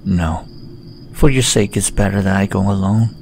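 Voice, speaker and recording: A man voicing a stern, formal, mysterious male stranger in a horror game, with a slightly gravelly voice. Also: fairly low pitch, moderate pace, darkish tone, slight background noise, pitched below the performer's own voice, natural voice.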